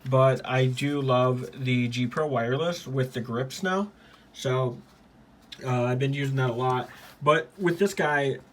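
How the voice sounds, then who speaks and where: A man casually showing off his gaming setup on a handheld camera, talking in a loose, rambling way with lots of fillers and quick apologies. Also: medium pitch, slight background noise. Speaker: gaming YouTuber and streamer. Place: home gaming room.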